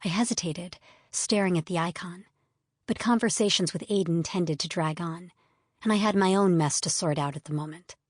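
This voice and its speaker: A woman narrating a fantasy audiobook in the first person, measured and even. Her voice sits somewhat low, and the studio sound is close and dry. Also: no room sound.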